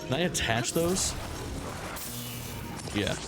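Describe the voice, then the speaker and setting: An American man in his streaming chair, mid-pitched and relaxed, talking to chat while he plays. He jokes and swears freely, and the game's music plays clearly underneath his voice. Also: takes it slowly. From United States. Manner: loose and profane, joking with chat. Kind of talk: casual game stream chat.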